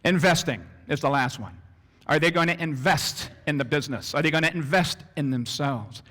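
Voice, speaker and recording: A man with a fairly high voice presents a business training session in a hall with a long echo. He talks in an animated way and acts out little scenes in other voices to make his points. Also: normal speed. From Canada. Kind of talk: presentation to an audience.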